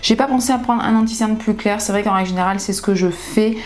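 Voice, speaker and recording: A woman's voice: mid-range voice, fast talker, darkish tone, a little hiss or hum. A woman beauty vlogger with a groggy morning voice, chatting casually through a makeup tutorial. She is candid and often trails off and restarts her sentences.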